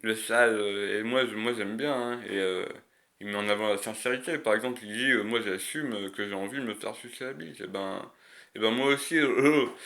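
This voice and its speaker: A man's voice: mid-range voice, a bit bright. A man with a lisp that makes his s slushy, talking off the cuff in a casual, hesitant, rambling monologue full of crude slang. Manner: rambling, hesitant, frequent long searching pauses. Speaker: video creator.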